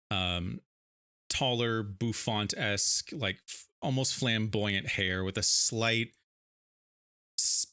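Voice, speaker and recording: A young man hosts a tabletop game stream and rambles through a vivid description of his character. His voice is bright and a little low. The sound is close and dry. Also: dry recording. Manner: rambling, animated, with fillers. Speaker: streamer and player.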